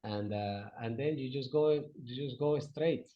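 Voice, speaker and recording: A Venezuelan man whose first language is Spanish answers interview questions in English as a guest, his medium-pitched voice unhurried against a noisy background. He hesitates often, using fillers, restarting sentences and slipping on grammar. The audio is dull and lo-fi.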